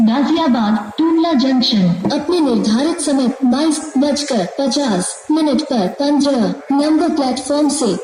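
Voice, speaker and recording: Echoing station loudspeaker announcement, Indian woman. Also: high-pitched, animated, slight background noise. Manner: slow, formal, evenly measured announcing. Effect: railway station loudspeaker announcement. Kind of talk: recorded public announcement. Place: railway station platform. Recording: echoey loudspeaker in a station hall.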